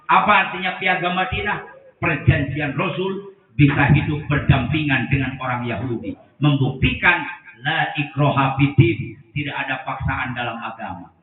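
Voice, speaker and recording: A male preacher, telling a story with jokes and acted voices in a lively sermon. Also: on the high side, normal speed, far from the mic, faint music behind. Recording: echoey phone-like sound from afar.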